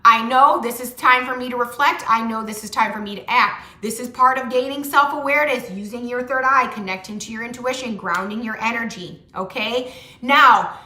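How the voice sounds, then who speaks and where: A woman's voice: a little high, normal speed, pushed and bright. A young adult woman giving a tarot reading in a blunt, pushy way, swearing freely and ending points with "okay?". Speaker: tarot reader and motivational vlogger. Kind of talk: casual tarot reading talk. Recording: echoey room.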